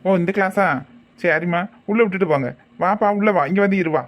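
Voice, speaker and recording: A man playing a brisk, sharp-tongued kindergarten teacher. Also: high voice, close to an everyday voice. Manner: brisk, bossy, quick to threaten. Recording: dull lo-fi sound.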